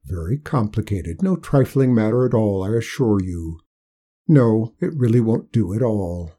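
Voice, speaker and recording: A man voicing Death as a burly, weary, fussy bureaucrat with a low, measured, officious manner. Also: animated, warm tone.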